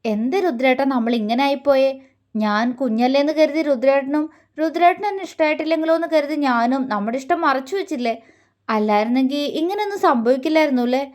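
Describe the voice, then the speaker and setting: A woman voicing a tearful young wife in an audio love story, speaking in a halting, trembling way. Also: sits high, expressive, a little mellow. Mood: emotional. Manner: tremulous, halting, emotional.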